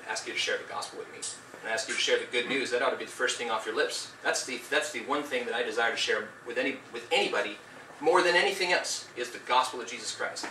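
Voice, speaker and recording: A man's voice: medium pitch, quick pace, bright, forceful tone, slight background noise. A man giving a formal debate statement in an earnest, preachy, rebuking way. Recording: echoey room, distant mic, faint ambience.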